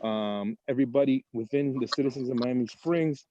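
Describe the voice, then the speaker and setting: Caller, man, heard over a lo-fi video-call line, dry and mellow, earnest and methodical with his numbers. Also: mid-range voice, fairly quick, dry recording. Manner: earnest, methodical, lists numbers one after another. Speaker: caller speaking at public comment. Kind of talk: prepared public comment, reciting figures. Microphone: video call app. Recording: dull lo-fi call audio, dry.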